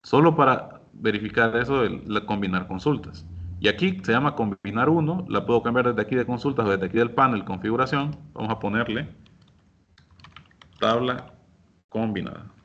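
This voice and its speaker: A man teaching a software class, explaining each step patiently and speaking directly to his students. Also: medium pitch, lively intonation, moderate pace, muffled recording. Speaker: instructor. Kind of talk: screen-share software lesson.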